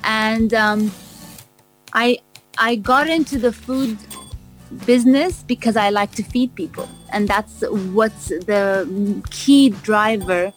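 A woman raised in Canada answering radio interview questions about her cookbook, talking in an enthusiastic way with frequent "um"s and restarts. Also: medium pitch. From raised in Vancouver, Canada. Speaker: cookbook author, interview guest.

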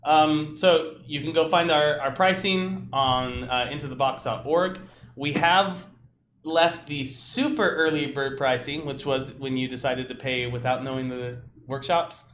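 A man co-hosts a casual news podcast in an ordinary mid-pitched voice. The room adds noticeable echo, and there is some noise behind him. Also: unhurried, a bit bright. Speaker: podcast co-host. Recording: roomy echo, clear background noise.

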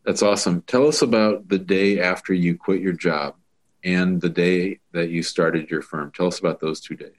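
A man's voice: low voice, steady tone, normal speed. A man co-hosting a podcast, welcoming a guest in an easygoing, friendly way. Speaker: podcast co-host. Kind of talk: casual podcast interview.

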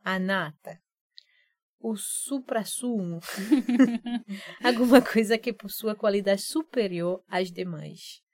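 A woman's voice: medium pitch, slow, long pauses, darkish tone, no echo, studio quality. A woman with a Brazilian Portuguese accent, co-hosting a casual educational podcast and explaining phrases with examples. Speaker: podcast co-host.

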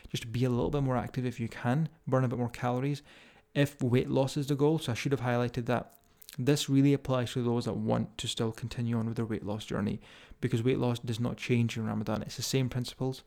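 A man's voice: medium pitch, little pitch movement, a little fast, vocal fry, hardly any pauses, mellow. A man with a strong Scottish accent, talking informally and directly to listeners as a fitness coach hosting a podcast. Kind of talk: casual motivational podcast talk.

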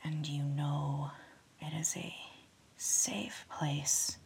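A woman speaks entirely in a soft, breathy whisper, drawn out at an extremely slow, lulling pace. Her voice sits low, and a faint rumble hums underneath. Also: flat delivery, low-quality recording. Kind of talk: whispered sleep story.

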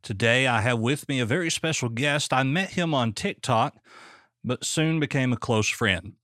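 A man's voice: medium pitch, moderate pace, a bit bright, dry recording, studio quality. A man hosting a podcast interview in an easygoing way, with short affirmations. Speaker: podcast host. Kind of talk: conversational interview.

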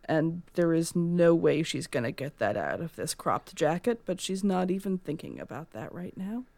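A woman playing a tabletop role-play game, describing her character in a slow, halting way with many restarts. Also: sits low, creaky, a little mellow, no echo. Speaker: player.

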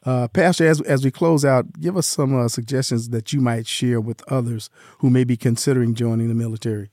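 A man's voice: medium pitch, fairly even intonation, a little fast, a little mellow, dry recording. A man hosting a radio interview show from a studio, friendly and encouraging, filling in with short affirmations.

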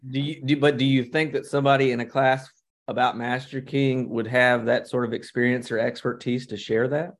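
Podcast co-host, man, medium pitch, opinionated and argumentative. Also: little pitch movement, brisk. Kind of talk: casual chat.

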